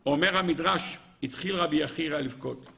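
A man, a rabbi giving a Torah lesson, retelling Talmud stories with repetition and sudden emphatic high cries, talking straight to his listeners. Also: vocal fry, sharp tone, slight background noise. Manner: dramatic storyteller, repeats phrases, leaps to high emphatic cries; addresses listeners directly. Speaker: rabbi teaching a weekly lesson.

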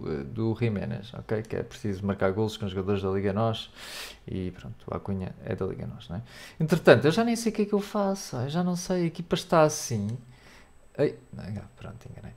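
A young man with a European Portuguese accent commentating his own pack openings in a chatty, excitable way, talking straight to his viewers. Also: mid-range voice. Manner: animated, shouts and laughs over big pulls, chatty asides to chat. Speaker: gaming youtuber.

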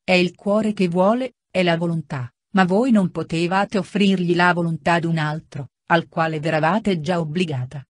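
A woman reading an audiobook, voicing an old, frail and kindly male friar with a grave, gentle manner. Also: fairly low pitch, fairly even intonation, normal speed, few pauses, dry recording, clean studio sound, natural voice.

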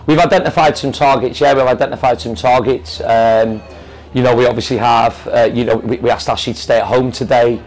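A man's voice: mid-range voice, steady tone, a little fast, darkish tone, soft background music, low-quality recording. A man in his forties, a football manager, talking candidly after a match with many fillers and restarts in front of a sponsor board. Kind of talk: post-match interview.

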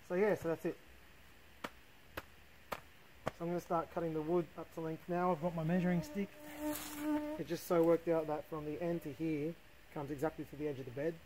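A man's voice: fairly high pitch, slight background noise, low-quality recording. Man narrating a bushcraft build outdoors. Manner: relaxed, thinking aloud while working. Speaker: bushcraft vlogger. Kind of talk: casual explanatory vlog. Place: outdoors in a forest. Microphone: camera mic, outdoors.

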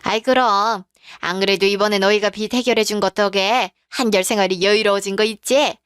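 A woman's voice: medium pitch, steady tone, fairly quick, a bit bright, clean tone, dry recording, clean studio sound, natural voice. A woman voicing a chatty older mother-in-law who frets and apologizes. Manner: chatty, fretting.

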